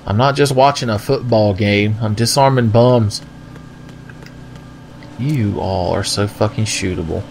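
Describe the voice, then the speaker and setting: A man's voice: fairly low pitch, a little slow, gravelly, long pauses, darkish tone, a little hiss or hum. A man giving joking, sarcastic commentary as he plays a video game, swearing casually. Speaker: video game let's player.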